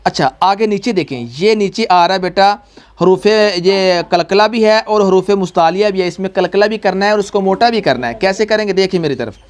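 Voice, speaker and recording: A man's voice: high-pitched, normal speed. A young man teaching a tajweed lesson, patient and repetitive, quizzing his pupils. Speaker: Quran reading teacher.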